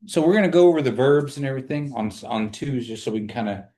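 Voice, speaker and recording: Guy chatting through a language lesson, medium pitch, roomy classroom echo. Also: lively intonation, fast, mellow. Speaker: language teacher. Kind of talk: casual, conversational teaching. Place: indoor classroom. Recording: echoey room.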